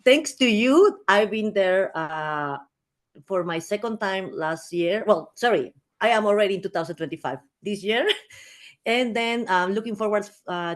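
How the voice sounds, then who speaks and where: Chatty Peruvian woman in her thirties. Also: fairly low pitch. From Peru. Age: 30s. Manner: chatty with frequent fillers and restarts. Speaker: guest speaker. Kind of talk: conversational interview.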